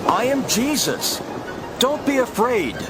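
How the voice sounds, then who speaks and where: A man's voice: very high-pitched, sing-song, slow, music in the background, full character voice. An actor playing Jesus as a reassuring man who calls out commandingly in a dramatized audio Bible. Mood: reassuring, raised. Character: Jesus calling reassurance across stormy water. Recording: loud outdoor storm noise behind.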